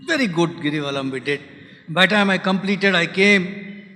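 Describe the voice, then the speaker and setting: This Tamil-speaking man, addressing a spiritual centre's founders day, speaks in a fairly high, bright voice as he reflects on spiritual themes. He pauses and stumbles often, his voice repeatedly sinking into a gentle hush, all carried on the lingering echo of a lecture hall.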